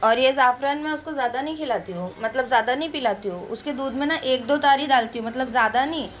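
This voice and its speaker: A young woman from India talks loudly and chattily to her viewers, her voice sitting a touch high. She gives the casual voice-over for a home family vlog. Faint background noise sits under her voice. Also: quick pace. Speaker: family vlogger. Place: at home, indoors.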